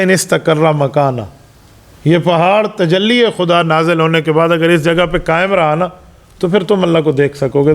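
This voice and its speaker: A middle-aged man preaches a Ramadan Quran lesson with a fairly high voice for a man. He tells religious stories, gives each quoted speaker a voice of his own, and presses his points home with emphasis. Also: vocal fry. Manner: storytelling, acts out quoted dialogue; explanatory, emphatic. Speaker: mufti, Islamic preacher.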